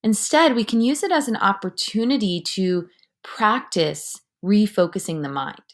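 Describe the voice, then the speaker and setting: A woman leading a guided breathing meditation with calm, measured instruction, her words often trailing off into a breathy near-whisper. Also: medium pitch.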